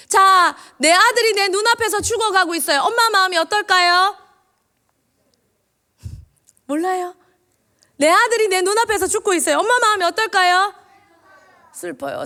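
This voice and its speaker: A woman, a children's minister giving an animated sermon in church and quizzing the children with questions. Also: very high-pitched.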